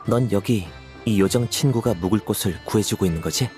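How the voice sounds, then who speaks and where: An actor playing a steady young male hunter in a video game, calm, cautious and matter-of-fact. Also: fairly low pitch, brisk, lightly acted. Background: game music.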